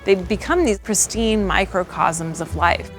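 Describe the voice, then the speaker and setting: A woman's voice: medium pitch, unhurried, fairly bright tone. A woman telling her experiences as a marine consultant in a documentary interview. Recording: prominent music bed under speech.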